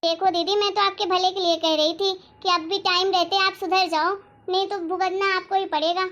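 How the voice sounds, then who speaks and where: In a family cartoon, a woman voices a meddling younger sister with a sharp, taunting tongue. Her voice is very high and bright, pushing complaints at every turn. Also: steady tone, a little fast. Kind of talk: cartoon story voice acting.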